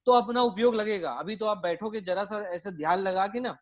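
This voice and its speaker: A man's voice: high-pitched, normal speed. A man giving a Jain sermon to a seated audience, telling a story and putting questions to his listeners. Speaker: Jain preacher. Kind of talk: sermon with a told anecdote. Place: hall with a live audience.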